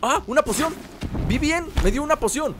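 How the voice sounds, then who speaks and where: A man giving excited let's play commentary, teasing and shouting in bursts. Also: extremely high pitch, normal speed, background noise. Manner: excitable, loud outbursts, teasing, sings along. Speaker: gamer.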